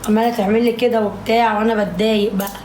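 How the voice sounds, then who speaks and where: A woman's voice: on the high side, little pitch movement, rapid-fire, a little mellow, slight background noise. A woman with an Egyptian Arabic accent chatting on a casual livestream, bickering and complaining at her viewers. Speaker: live streamer. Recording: echoey room.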